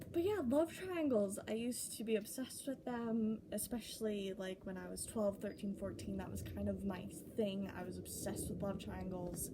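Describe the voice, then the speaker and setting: A young adult woman chatting casually and animatedly to camera, recording herself outdoors in the wind. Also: medium pitch. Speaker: vlogger talking about writing. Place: outdoors in the wind, with wind chimes nearby. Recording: windy outdoor noise.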